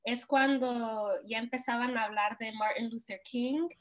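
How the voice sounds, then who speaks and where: Young woman, Mexican Spanish accent, fairly high voice, easygoing interview talk, lots of "am" fillers. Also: measured pace, a crowd in the background. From California, United States. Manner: relaxed storytelling with frequent fillers and laughs. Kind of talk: casual interview.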